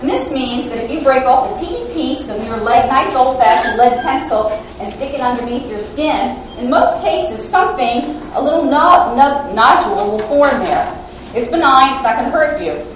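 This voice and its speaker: A female lab scientist guest-lectures in a large hall, her handheld mic capturing a hesitant, self-deprecating academic talk packed with fillers. Her high voice is expressive at a moderate pace. The hall echoes, the mic is distant, and there's slight hiss or hum.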